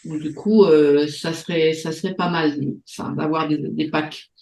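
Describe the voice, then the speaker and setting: Une femme qui anime une réunion en ligne et présente sur un ton détendu, avec beaucoup d'hésitations et de reprises. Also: female voice, low voice, steady tone, a little slow, a little mellow, echoey room, rough recording. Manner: hesitant, many fillers and restarts. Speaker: host of an online meeting. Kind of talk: casual presentation on a video call. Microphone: video call.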